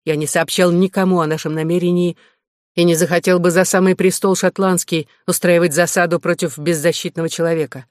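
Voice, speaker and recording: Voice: medium pitch, level tone, a little fast, dry recording, close to an everyday voice. An earnest, determined young man speaking plainly and sincerely, voiced by an audiobook reader close to their own voice. The recording is dry and close, with no room sound. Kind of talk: audiobook reading.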